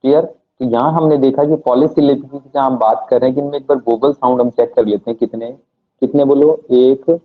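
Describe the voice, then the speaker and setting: A man's voice: medium pitch, steady tone, a little fast. A man teaching an English grammar lesson to a class. He asks questions and answers them himself, and spells words out letter by letter. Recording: tinny phone-like audio.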